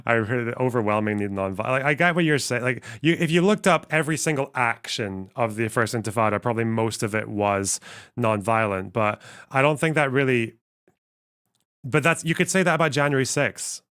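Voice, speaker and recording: A man's voice: medium pitch, brisk, a bit bright, smooth. A young man streaming as he reacts to a debate, talking bluntly and sarcastically, swearing and thinking aloud. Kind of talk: casual reaction commentary.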